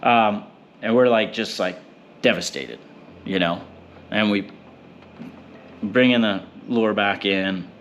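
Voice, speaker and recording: A fishing boat captain, a man, telling a story in a rambling, animated way with many fillers. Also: fairly low pitch, slow, pauses often, muffled recording, a little hiss or hum. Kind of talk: casual storytelling.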